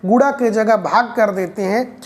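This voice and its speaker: A woman of medium pitch speaks at a measured pace in an explanatory video lecture for exam preparation. As an exam-prep teacher, she keeps repeating the key points and often addresses viewers as friends.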